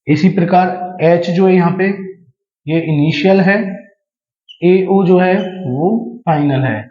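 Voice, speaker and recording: A man teaching a language class, explaining slowly and deliberately and repeating key terms, with English phrases mixed in. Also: high-pitched, dark tone. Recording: echoey room, dull lo-fi sound.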